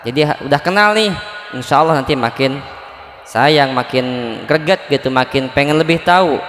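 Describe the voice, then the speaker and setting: In an echoey hall with faint music, a man teaches Quran recitation to a neighborhood study group, explaining patiently and putting questions to the class. His medium-pitched voice moves at a normal speed with a fairly bright tone.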